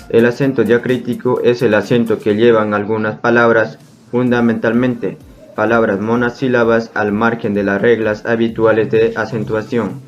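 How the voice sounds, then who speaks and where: A young man giving a student class presentation, hesitant, with frequent fillers. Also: mid-range voice. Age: young adult.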